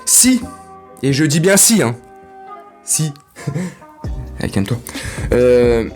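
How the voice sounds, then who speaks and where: A man's voice: medium pitch, very animated, slow pace, darkish tone, faint music behind. A man hosting a casual football vlog, talking in a crude, slangy, rambling way. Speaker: football vlogger host.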